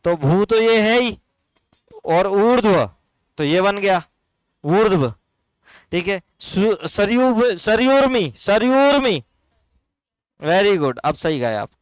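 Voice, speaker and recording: A man teaching a Hindi grammar class, slowly drawing out and repeating words for his students, with a Rajasthani Hindi accent. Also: high-pitched, expressive, clear, resonant tone, no echo.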